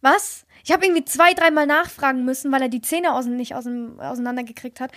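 High-voiced young woman telling a story. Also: fast talker, a bit bright, dry recording, studio quality. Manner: chatty storytelling, retelling and imitating others. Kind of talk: casual chat.

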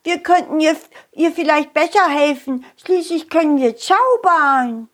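Woman doing squeaky cheeky little fairies. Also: unhurried. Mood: curious. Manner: squeaky, excited, teasing. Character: cheeky curious little fairy children.

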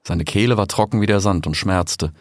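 A man narrating a fairy tale audiobook in a measured, storytelling manner. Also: sits low, dry recording, studio quality.

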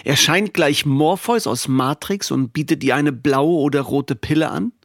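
Guy reading an audiobook story, slightly high, gravelly, close dry mic. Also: measured pace, no room sound. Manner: steady, expressive reading. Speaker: narrator.

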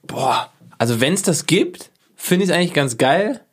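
A man's voice: fairly high pitch, big pitch swings, a little slow, husky. A young man co-hosting a casual podcast, chatting and joking, and thinking aloud as he talks. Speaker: podcast co-host.

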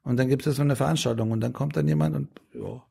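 A man's voice: mid-range voice, fast, creaky, warm tone, breathy edge. A middle-aged man in a casual interview, talking in a rambling way with many restarts and fillers. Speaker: politician guest.

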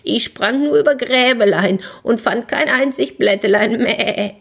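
A woman's voice: on the high side, measured pace, creaky, slightly rough, voice pushed up, exaggerated voice. A woman voicing a sly, lying goat that bleats its rhymes in a sing-song. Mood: bleating.

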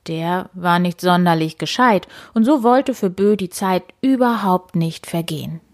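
A woman reading a children's story aloud as narrator, in a clear storytelling manner. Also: fairly low pitch, dry recording, studio quality.

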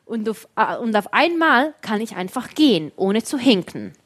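Young woman chatting, telling a story all animated, voices people in quick bits. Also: a little high, breathy edge. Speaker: storyteller in a conversation. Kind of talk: casual chat.

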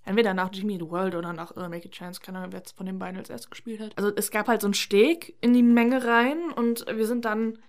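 A woman's voice: mid-range voice, fast, few pauses, darkish tone. A woman co-hosting a casual chat, telling a story with energy, acting out quoted dialogue and swearing now and then. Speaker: podcast co-host.

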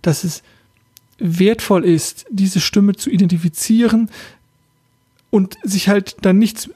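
A man's voice: high voice, slow, dark tone, breathy edge, dry recording, studio quality. A man hosting a self-help podcast, speaking casually and thoughtfully, addressing the listener directly. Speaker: podcast host and coach.

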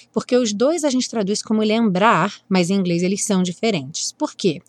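Slow-paced woman teaching English pronunciation. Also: medium pitch, dry recording. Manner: explains slowly, models English phrases deliberately. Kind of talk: Portuguese-language English pronunciation lesson.

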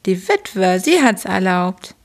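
A woman's voice: mid-range voice, sing-song, slow pace. A woman voicing a cheeky young boy answering back in a bedtime audiobook reading. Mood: defiant.

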